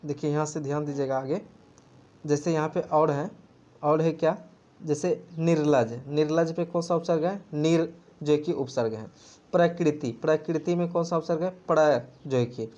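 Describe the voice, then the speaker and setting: A man's voice: fairly high pitch, fairly even intonation, normal speed, a little mellow, muffled recording. A man teaching an exam-prep grammar lesson, asking a question and answering it himself. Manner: repetitive question-and-answer drilling.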